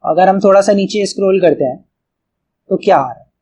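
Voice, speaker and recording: A man's voice: sits high, fairly quick, warm tone, husky. A man from Pakistan with a Pakistani Urdu accent, casually thinking aloud through a coding tutorial and often calling the viewer brother. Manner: casual, thinks aloud, keeps saying "bhai". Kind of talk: screen-recorded coding tutorial.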